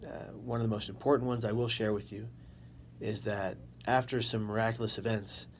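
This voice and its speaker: A man telling his own story as an interview guest, in deliberate, dramatic short phrases that he repeats for emphasis. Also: lowish voice, flat delivery. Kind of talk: personal testimony in an interview. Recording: faint background noise.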